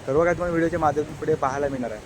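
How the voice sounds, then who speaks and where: A man with a Konkan Marathi accent chats to his viewers, hesitant and full of fillers, his voice a touch high for a man. He films on a handheld phone at his village home. A faint hiss of outdoor noise sits under his voice. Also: rapid-fire, darkish tone, rough recording. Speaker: village vlogger. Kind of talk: casual vlog narration.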